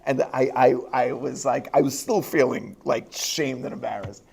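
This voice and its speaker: Rabbi guy telling a goofy story on himself, gravelly voice, lively, keeps laughing. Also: mid-range voice, moderate pace. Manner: animated, self-deprecating, laughs through the telling. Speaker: rabbi giving a talk at a high school. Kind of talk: humorous personal storytelling.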